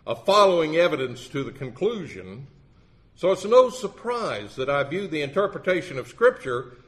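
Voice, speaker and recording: A man in his sixties with a legal background, giving a sermon in a wry, earnest storytelling manner. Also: a little high. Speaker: lay preacher with a legal background.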